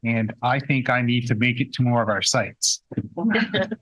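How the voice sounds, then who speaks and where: Bright-voiced, light-hearted man board member. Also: medium pitch, lively intonation, a little slow, breathy edge, low-quality recording. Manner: light-hearted, self-deprecating. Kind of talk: remarks at a board meeting.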